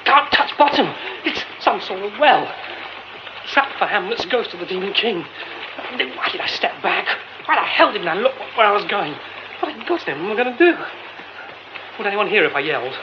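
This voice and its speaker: A man's voice: sits high, big pitch swings, normal speed. An actor playing a nervy young theatre man, muttering to himself and stammering when flustered, in a radio drama. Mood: panicked. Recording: dull lo-fi radio recording with hiss.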